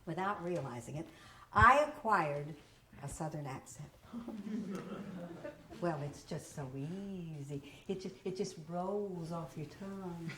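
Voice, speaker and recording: A woman in her sixties tells her own story in a one-woman stage show, her pitch leaping lively from line to line. She takes her time and lets each phrase land, with wry expression. The sound is roomy, from a live theater with a faint hiss behind her. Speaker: solo stage performer.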